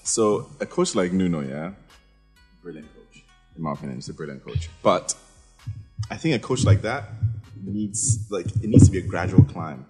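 A fairly low, husky-voiced man in a casual football debate, pressing his point with rhetorical questions and acted-out quotes. Faint music runs underneath. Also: expressive, normal speed, long pauses, warm tone. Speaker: podcast co-host.

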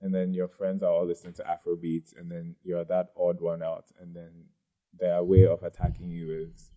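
A man as a podcast guest talking casually, pausing to search for his words. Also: low-pitched, monotone, dark tone. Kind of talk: casual discussion.

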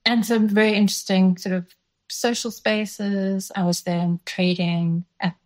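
Unhurried and with little pitch movement, a mid-range, somewhat mellow female voice recalls earlier years in a reflective interview. The speaker is a guest in her fifties from South Africa who grew up speaking Dutch, and her thoughtful answers are full of hedges, fillers and restarts.

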